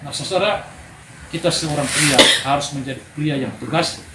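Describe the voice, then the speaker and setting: A man's voice: on the high side, moderate pace. A man preaching a sermon, telling stories with energy and calling for amens. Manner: animated storytelling, calls for amen. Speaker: preacher at a men's gathering. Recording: echoey room with background noise.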